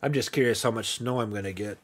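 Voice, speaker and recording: A man's voice: on the low side, fast talker. A man hosting a casual live game stream, muttering to himself as he plays and laughing easily with a friend. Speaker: livestream host. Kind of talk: casual gameplay chat.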